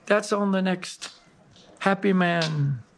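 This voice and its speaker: A man's voice: sits high, slow pace, slight background noise. A man hosting a mountain gear show, casually demonstrating clothing in a folksy, emphatic way with lots of fillers. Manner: folksy, emphatic, with many "you know" fillers.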